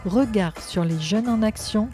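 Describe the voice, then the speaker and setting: A woman's voice: medium pitch, unhurried, mellow, soft background music. A woman giving a scripted radio introduction. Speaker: narrator.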